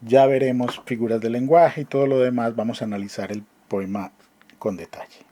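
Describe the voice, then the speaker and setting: A man teaching a literature class online, explaining step by step with frequent pauses and restarts. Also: medium pitch, fairly even intonation, warm tone. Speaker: literature professor.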